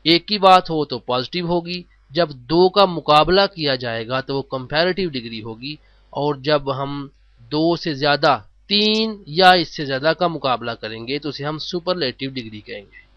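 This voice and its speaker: A man teaching a grammar lesson, explaining in Urdu and drawing out the English phrases slowly. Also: fairly high pitch, no echo, muffled recording. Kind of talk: classroom-style lesson.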